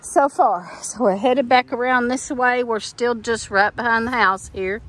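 A middle-aged woman gives a walk-and-talk tour of the woods behind her farmhouse on a handheld camera, chatting in a folksy manner with easy laughter and lots of fillers. Her voice is on the high side, a bit bright, and a little slow.

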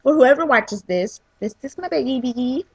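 A woman's voice: high-pitched, animated, unhurried, darkish tone, dull audio, a little hiss or hum. A young woman chatting casually and playfully teasing on a home video, filmed at home on a handheld camera. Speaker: vlogger. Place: her home, indoors.

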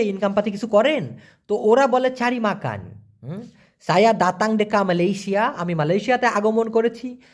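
A man teaching a vocabulary lesson, spelling words letter by letter and repeating them slowly. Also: high voice. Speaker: language teacher.

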